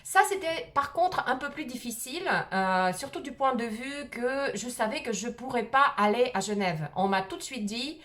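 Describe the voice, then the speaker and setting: A woman's voice: on the high side, lively intonation, moderate pace, hardly any pauses, a bit bright. A middle-aged woman from Russia with a slight Russian accent, telling a personal story to camera in a hesitant way with many fillers. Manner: hesitant, frequent "euh" fillers. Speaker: vlogger.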